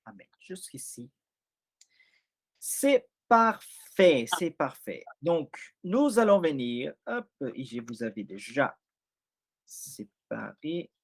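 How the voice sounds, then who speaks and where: A man's voice: mid-range voice, very animated, drawn-out words, creaky, pauses often. A man with a non-native accent leading an informal Bible study, explaining step by step and often checking that his listeners follow.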